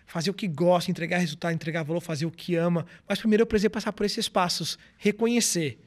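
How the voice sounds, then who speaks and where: A man's voice: high voice, fast talker. A man, a guest speaker in a podcast interview, telling stories and acting out what people said to him. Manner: animated storytelling, acts out quoted dialogue.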